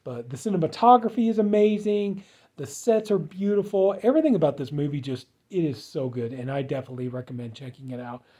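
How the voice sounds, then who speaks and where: A man reviews an old film in a loose, rambling way, stopping and restarting his sentences often. His voice sits a bit high but sounds mellow and warm. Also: lively intonation, brisk. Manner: rambling, many fillers and restarts. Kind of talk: casual spoken movie review.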